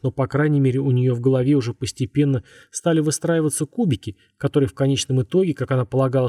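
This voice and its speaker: A man narrating a scripted horror audiobook in a measured, even way. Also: mid-range voice, slightly rough, no room sound, clean studio sound.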